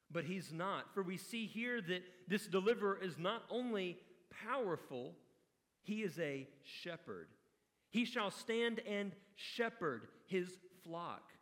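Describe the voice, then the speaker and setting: A male pastor preaching a sermon with earnest emphasis, dropping to hushed appeals. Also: high-pitched, long reverb tail.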